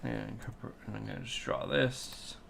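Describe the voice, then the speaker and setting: A man's voice: lowish voice, normal speed, vocal fry, a bit bright, slight background noise. A sleepy man thinking aloud as he works through a 3D design on his computer. He mutters to himself and repeats little words over and over. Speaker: designer working through a 3D model.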